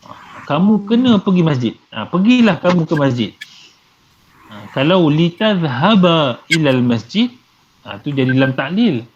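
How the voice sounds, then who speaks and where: A man explains grammar to a class in a patient, repetitive way, full of small fillers. His voice sits a little high for a man. The recording is dull and lo-fi, with a faint hiss underneath. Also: very animated, normal speed, pauses often, darkish tone. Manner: patient, repeats and translates terms, many fillers. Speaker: Arabic grammar teacher.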